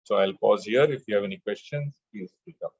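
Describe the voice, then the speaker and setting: A man teaching spiritual lessons in a measured way, chanting scripture verses between his explanations. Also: fairly low pitch, expressive, gravelly, a little mellow, no room sound, dull audio. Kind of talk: spiritual discourse with scripture recitation.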